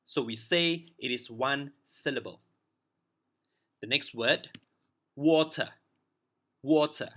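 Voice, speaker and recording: A man teaching an English grammar lesson, spelling out letters and repeating example words slowly for his learners. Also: medium pitch, pushed and bright. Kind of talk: slow explanatory grammar lesson.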